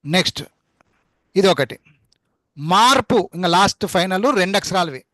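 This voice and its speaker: A male teacher giving an online class lesson, repeating syllables slowly to drill spelling and fondly calling his students amma and nanna. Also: high voice, expressive, fairly bright tone, dry recording. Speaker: spoken English teacher.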